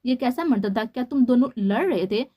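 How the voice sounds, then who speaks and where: A woman reading the lines of an irritated, sharp-tongued young woman in a storybook novel. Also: fairly high pitch, moderate pace, natural voice. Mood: exasperated.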